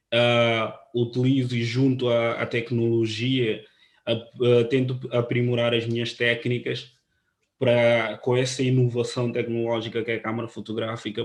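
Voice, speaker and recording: Earnest man a flat delivery. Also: mid-range voice. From Guinea-Bissau. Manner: earnest, halting, with many fillers. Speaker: panel speaker, photographer. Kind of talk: online panel presentation.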